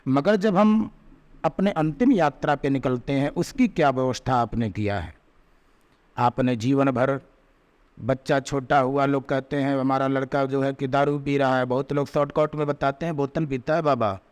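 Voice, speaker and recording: A man giving a devotional sermon, telling a story and slowing down to recite verses, with emphatic rising peaks. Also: medium pitch, a little mellow. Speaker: spiritual preacher. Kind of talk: Hindi devotional discourse with storytelling.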